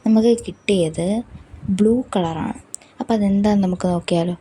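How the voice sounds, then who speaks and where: Husky-voiced Malayali woman vlogging. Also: medium pitch, fairly even intonation, brisk, mellow. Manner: chatty, explains each step, frequent fillers. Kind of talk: casual unboxing vlog narration. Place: home room with window open, street traffic outside.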